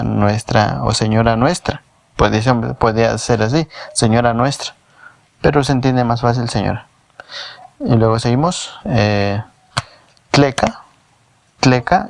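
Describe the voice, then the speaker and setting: Man, Mexican Spanish accent, language teacher, unhurried delivery, gravelly fry, repeats words carefully. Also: mid-range voice, no echo. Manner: patient, repeats words syllable by syllable. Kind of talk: whiteboard language lesson. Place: home in a shared housing block.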